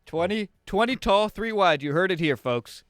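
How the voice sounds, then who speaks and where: A young man co-hosting a comedic radio talk show, playful and full of halting fillers and restarts, speaking into a studio microphone. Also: high-pitched, lively intonation, a bit bright, no echo.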